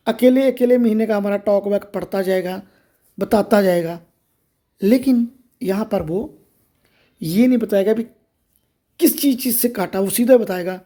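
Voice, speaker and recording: A woman's voice: medium pitch, mellow. A woman hosting a step-by-step tutorial, explaining things directly to listeners. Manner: explanatory, addresses viewers directly. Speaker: tutorial host. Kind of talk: step-by-step screen reader tutorial.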